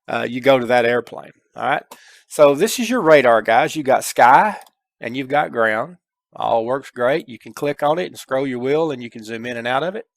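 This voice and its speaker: Speaking at a medium pitch with a creaky quality, the middle-aged host records on a headset with no room sound. His game tutorial is a relaxed, folksy step-by-step guide aimed informally at his viewers.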